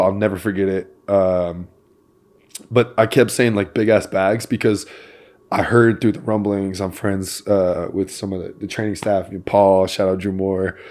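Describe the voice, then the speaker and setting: A man hosting a podcast, telling a story in an animated way that builds to excited bursts. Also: on the low side. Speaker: podcast host. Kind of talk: casual chat.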